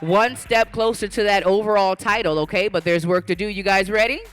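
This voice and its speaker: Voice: mid-range voice, steady tone, fairly quick, fairly bright tone. A bodybuilding show announcer speaking live from the stage, calling out directions to competitors and addressing the audience. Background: event music.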